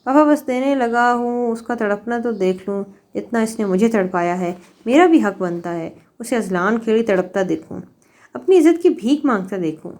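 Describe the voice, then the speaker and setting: This is a vengeful young male villain in an audio novel, voiced by a woman narrator. He sneers and threatens, with a raised, forceful pitch. The tone stays cruel and mocking. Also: expressive, natural voice. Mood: taunting, menacing.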